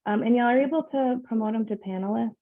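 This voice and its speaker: A woman's voice: on the high side, very fast. A woman chairing a public board meeting on a video call, running through the agenda with many fillers. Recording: tinny phone-like line.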